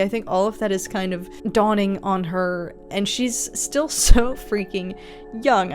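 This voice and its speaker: A woman's voice: medium pitch, a little mellow. A woman host giving casual, earnest, rambling commentary on a show in a reflective way. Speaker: reaction video host.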